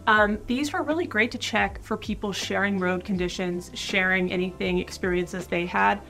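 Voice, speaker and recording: A woman's voice: medium pitch, moderate pace, vocal fry. Chatty young woman vlogging indoors. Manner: chatty, relaxed, informal with fillers. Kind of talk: casual advice talk to camera. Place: indoor room with wood-panelled walls.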